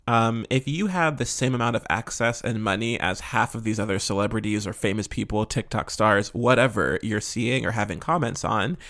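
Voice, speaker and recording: A man's voice: on the low side, fairly bright tone. Sassy, candid male podcast host. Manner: sassy, candid, slangy and sweary. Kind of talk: casual, chatty solo podcast talk.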